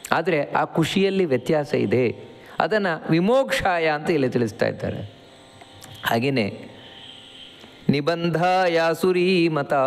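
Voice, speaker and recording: Man giving a scripture discourse in a reverberant hall. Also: a little high. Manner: explains Sanskrit verses line by line, slow recitation of verses. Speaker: spiritual teacher.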